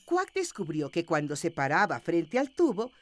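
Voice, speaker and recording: A woman's voice: lowish voice, wildly swooping pitch, normal speed, over music. A woman playing a storybook narrator in a children's cartoon, talking to the character. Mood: explanatory.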